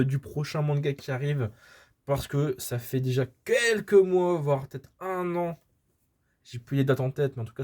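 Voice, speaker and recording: Man, casual haul chat, hesitant, lots of fillers, mid-pitched voice, home room. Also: a little mellow. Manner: rambling, hesitant, many fillers and restarts. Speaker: manga collector vlogger. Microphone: camera filming books, speaker off-frame.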